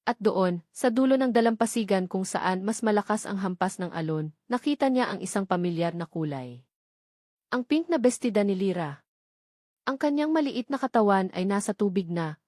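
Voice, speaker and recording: A woman with a Filipino accent narrates a scripted romance story as a dramatic audiobook reader, her mid-range voice animated, a little mellow, and at normal speed. The recording is dry and clean, with studio sound.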